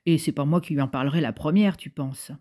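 A woman's voice: low voice, quick pace, warm tone. A woman voicing a blunt, coarse young housemaid in an audiobook, speaking in a curt, colloquial way. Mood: offhand.

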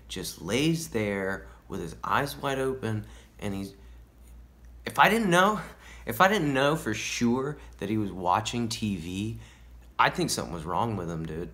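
An actor playing a paranoid young male stoner in a self-tape monologue, rambling and full of "dude" and "man", dropping into whispers and swinging his pitch and volume widely. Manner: drops into hushed whispered asides; wildly swinging pitch and loudness.

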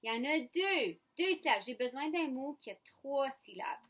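A woman teacher with a Franco-Ontarian French accent, leading young children through a phonics lesson in slow, clear, coaxing speech. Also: sits high, lively intonation, fairly bright tone. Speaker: kindergarten teacher.

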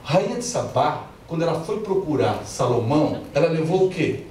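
A man's voice: a little high, sing-song, moderate pace, a little mellow, a little hiss or hum. Male pastor, playful call-and-response preaching; mic off at a distance in an echoey hall. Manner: preaching with jokes, drawing responses from the congregation. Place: large church hall with congregation. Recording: echoey church hall, from far off, crowd audible.

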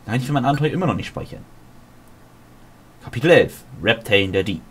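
A man's voice: mid-range voice, expressive, a little fast, slight background noise. A man playing a video game and reading all of its dialogue aloud, with small slips and restarts. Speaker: let's player.

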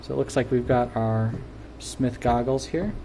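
A man talks casually through an unboxing in a warm, mellow voice. He is chatty and enthusiastic and scatters fillers through his talk. A faint hiss sits under the recording. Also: mid-range voice, a little slow. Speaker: gear reviewer.

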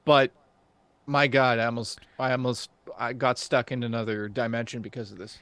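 A man's voice: medium pitch, fairly even intonation, normal speed, fairly bright tone, smooth, no echo. Guy hosting a chill podcast, gets hyped telling stories, dry mic. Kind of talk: casual chat and storytelling.

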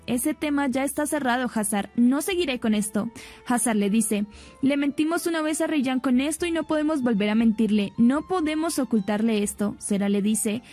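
High-voiced woman recapping a soap. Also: a little mellow. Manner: plain retelling, quoting each character without changing voice. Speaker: narrator recapping a soap opera. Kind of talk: storytelling recap narration. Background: faint background music.

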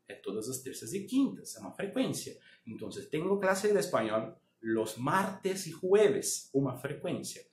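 A man's voice: fairly high pitch, darkish tone, reverberant, a little hiss or hum. A man teaching a Spanish lesson online, speaking to viewers and having them repeat words after him. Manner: drills pronunciation, asks viewers to repeat.

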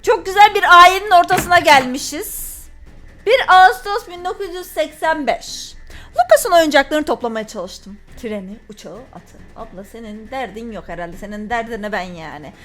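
A woman's voice: high-pitched, expressive, moderate pace, a bit bright, soft background music. A woman hosting a gaming channel, giving jumpy, frightened commentary on a horror game and reading its notes aloud to viewers.

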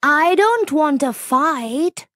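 Woman doing a storybook fox, male, small, clever, sly, boastful, high and bouncy. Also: animated, extremely slow, a bit bright, no echo, studio quality, exaggerated voice. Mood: calm. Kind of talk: storybook reading.

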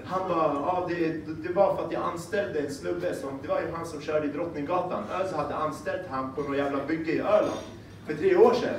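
Animated young man doing stand-up in a club. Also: fairly high pitch. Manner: animated storytelling, acting out dialogue. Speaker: stand-up comedian. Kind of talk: stand-up comedy set. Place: comedy club stage. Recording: echoey club room, far-off mic, crowd noise.

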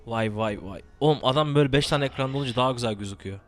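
Cursing, excitable young man gaming. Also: mid-range voice, racing. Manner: profane, excitable, joking running commentary. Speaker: gameplay commentator. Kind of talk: let's play commentary.

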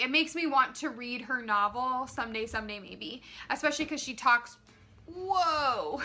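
A young woman giving a casual book review to camera in a chatty, expressive manner. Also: sits high. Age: young adult. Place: small living room, indoors.

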